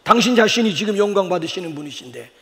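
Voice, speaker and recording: A man's voice: high voice, fast. Older man preaching in a reverberant hall. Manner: animated, folksy storytelling with sudden exclamations. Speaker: pastor. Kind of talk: sermon.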